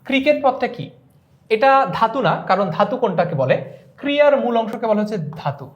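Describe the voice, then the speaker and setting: A woman's voice: a little high, sing-song, brisk, lo-fi sound. A woman with a Bangladeshi Bengali accent teaching an online exam revision class, explaining step by step and asking and answering her own questions.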